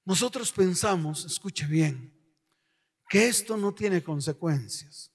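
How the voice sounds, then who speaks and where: Male pastor w/ a really high voice, call and response preaching, long hall echo. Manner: call-and-response, urging the congregation to answer aloud; swings between shouting and quiet, hushed storytelling. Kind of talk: preaching a sermon.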